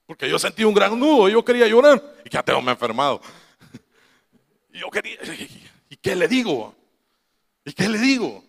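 A man's voice: sits high, sing-song, normal speed, creaky, long pauses, big-room sound. A man preaching a sermon to his congregation, telling a family story with quoted voices and laughing asides. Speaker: pastor.

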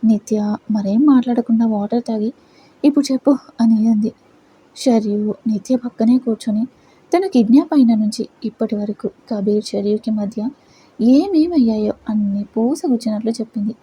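A woman narrates an audio story in a steady, plain way. Her voice is very dark and mellow, with a husky grain and a slightly high pitch. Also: normal speed, dull audio.

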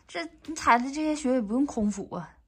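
A woman's voice: sits high, animated, a little fast, crowd noise. A woman with a Northeastern Chinese accent chatting frankly with family at home and asking lots of questions. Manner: inquisitive, frank. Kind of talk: casual family chat. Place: home living room.

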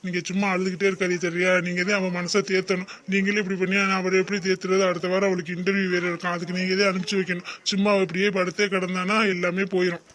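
A man voicing a calm middle-aged husband in an animated cartoon, matter-of-fact and reassuring. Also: sits high, rapid-fire, hardly any pauses, slight background noise.

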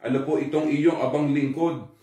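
A man giving a sermon in a relaxed, conversational way, mixing Tagalog and English with frequent fillers. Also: fairly high pitch, moderate pace. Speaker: preacher. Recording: echoey room, from far off.

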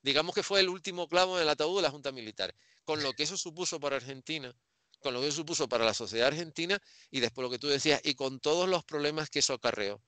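A middle-aged man from Spain with a bright, crisp voice, speaking over a headset on a video call. He picks his way through his thoughts with restarts and small hesitations. The sound is dry and close. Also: on the high side, quick pace, no room sound. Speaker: interviewer. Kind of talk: casual video-call interview. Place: home room with bookshelves.

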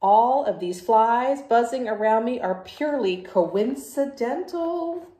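A woman's voice: fairly high pitch, animated, takes it slowly, warm tone, reverberant, voice pushed up. A woman voicing a stubborn, dramatic storybook pigeon who argues like a child, exclaiming every point emphatically. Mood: haughty, defensive.

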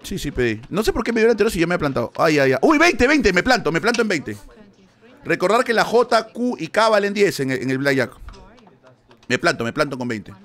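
A man's voice: sits high, big pitch swings, fairly quick, fairly bright tone. A man from Peru with a Peruvian Spanish accent, commentating a live stream as he thinks aloud and yelps when things go his way.

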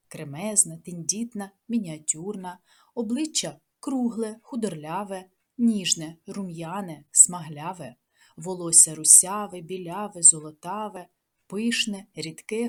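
Husky woman reading a language lesson. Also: on the low side. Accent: Ukrainian. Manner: measured, listing words one by one. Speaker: teacher. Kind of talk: scripted lesson narration.

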